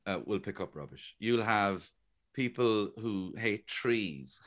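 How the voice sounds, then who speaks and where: Speaking slowly in a lowish voice, this middle-aged Irish comedian is a guest on a radio interview. His manner is lively and talkative, full of joking anecdotes.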